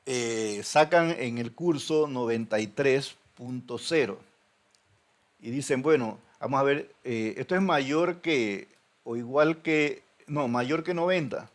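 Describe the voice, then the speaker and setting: A man teaching a programming class, explaining step by step with many pauses and frequent checks that students follow. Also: medium pitch. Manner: hesitant, many fillers and restarts, checks in with "¿ven?". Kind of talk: recorded classroom lecture.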